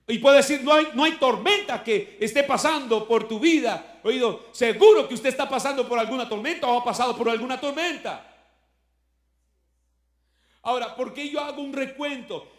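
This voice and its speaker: A male pastor preaches in a notably high voice. He talks to the congregation conversationally, full of rhetorical questions, and swells with force when he quotes scripture. The recording sounds echoey, as in a roomy hall. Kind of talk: sermon.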